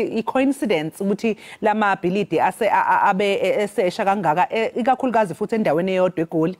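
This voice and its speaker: A woman's voice: medium pitch, a little mellow. A woman with a Zulu accent presenting and interviewing on a broadcast morning news show.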